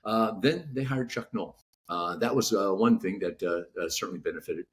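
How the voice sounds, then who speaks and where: Being interviewed on a casual podcast, this male author from California speaks in a lowish voice. He halts often, restarting sentences and leaning on "you know."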